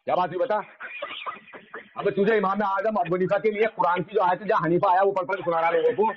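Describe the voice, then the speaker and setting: A man's voice: high voice, steady tone, quick pace. A man in a heated religious debate, aggressively repeating his demands and hurling insults. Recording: dull lo-fi audio with crowd noise.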